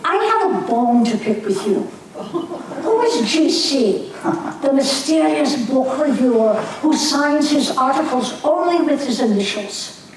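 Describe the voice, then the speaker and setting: In a community stage hall, an older woman who acts in community theater reads the part of a spirited young Irish nationalist, sounding fervent, earnest and needling. Her voice is high with lively intonation and a measured pace. The recording is echoey, with a distant mic and faint hiss.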